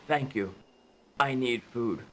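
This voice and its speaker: A man's voice: mid-range voice, slow, close to an everyday voice. A man voicing a weak, starving, grateful eagle in a fantasy adventure game. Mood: weak, pleading. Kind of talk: scripted adventure game acting.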